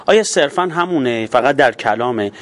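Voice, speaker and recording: A man's voice: medium pitch, animated, fairly bright tone. A man interviewing stage actors, posing long questions in a friendly way.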